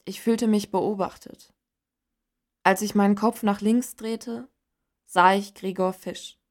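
A woman reading a first-person novel as an audiobook narrator, slow and measured. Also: medium pitch, steady tone.

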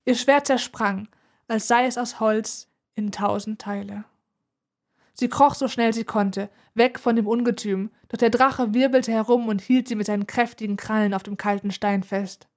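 A woman narrating a children's adventure story aloud in an even, expressive way. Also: a little high, moderate pace. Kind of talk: storybook reading.

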